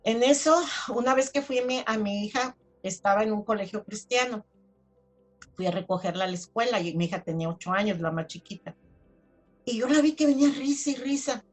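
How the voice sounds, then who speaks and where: A woman's voice: on the high side, brisk, faint music behind. A woman telling her own religious testimony in a chatty, casual way, full of fillers. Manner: chatty storytelling with many fillers. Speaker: testimony speaker.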